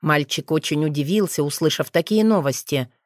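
A woman narrating a fantasy audiobook in an even, measured storytelling manner. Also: low voice, dry recording, clean studio sound.

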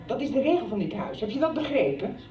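A middle-aged actress plays a strict mother sternly interrogating her teenage son in a radio soap. Her fairly high, mellow voice is sing-song and fast, recorded off-mic at a distance in a dull, roomy space with faint music behind.

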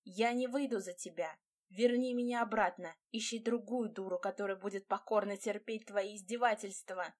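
Woman voicing a young bride, defiant, sarcastic, sharp-tongued, audiobook. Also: mid-range voice, fairly even intonation, normal speed, close to an everyday voice. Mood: furious.

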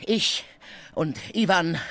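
An actor playing a coarse, scheming swindler in a radio drama, abusive and loud. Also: male voice, a little high, expressive, takes it slowly, heavily acted. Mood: ranting. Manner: abusive, blustering, shouting. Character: scheming middle-aged male swindler, coarse, bullying. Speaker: Tarantjew.

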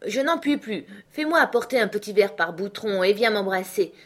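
A woman's voice: mid-range voice, lively intonation, normal speed, lightly acted. A woman voicing a proud, stubborn young uncle held in jail, in an emphatic, protesting manner. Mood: moved.

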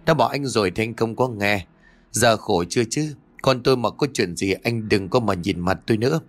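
A man's voice: mid-range voice, fast talker, lightly acted. A man voicing a frantic, furious mother.

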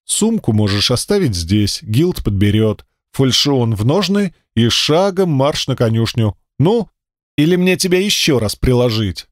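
A man's voice: mid-range voice, big pitch swings, unhurried, dry recording, clean studio sound. A man voicing a domineering male spirit that lives in the hero's head, curt, cold and mocking as he gives orders. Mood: cold commanding. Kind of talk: audiobook character voice.

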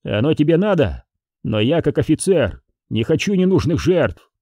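A man voicing a stern male army officer who gives firm, measured commands. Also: a little high, very animated, dark tone, dry recording, studio quality, pitched above the performer's own voice. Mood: commanding.

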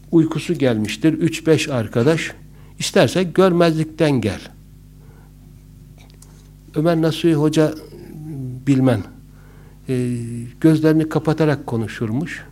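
Man giving a talk, slightly high voice. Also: moderate pace, warm tone. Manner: conversational, with humorous asides and many hesitant fillers. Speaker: speaker giving a talk on public speaking. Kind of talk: casual instructive talk.

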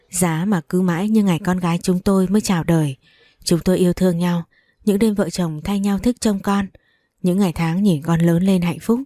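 A woman's voice: fairly low pitch, dry recording. A woman reading a first-person domestic drama aloud, voicing every character's lines in her own voice. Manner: even storytelling voice, reads all dialogue herself. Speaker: narrator. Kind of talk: scripted first-person story narration.

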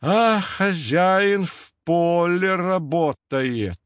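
A man's voice: fairly high pitch, sing-song, slow, no echo, dull audio, exaggerated voice. A man voicing a ginger mustached tomcat who tells stories, talking solemnly and sighing over his troubles.

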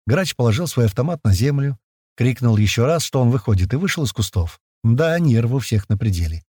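A man narrating a first-person audiobook in a lively, slangy, conversational way. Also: medium pitch, brisk, husky, no echo, clean studio sound.

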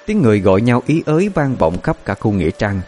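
Man, horror story narration, dramatic, low voice, lively intonation. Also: quick pace, soft background music.

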